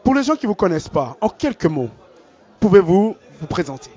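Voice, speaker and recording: A man with a high, slightly mellow, slightly rough voice speaks briskly with big pitch swings. He's doing red-carpet interviews for a web channel at a beauty pageant gala, formal and upbeat, repeating announcements. The crowded hall comes through in muffled, lo-fi audio.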